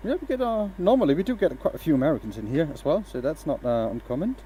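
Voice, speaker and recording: A Danish-born man hosts a woodturning livestream from his home workshop with a lathe, chatting loosely with viewers as he works. His voice is a little high, mellow and very animated, and he talks fast with frequent fillers and restarts in a chatty, hesitant way. A slight hiss or hum sits under the recording.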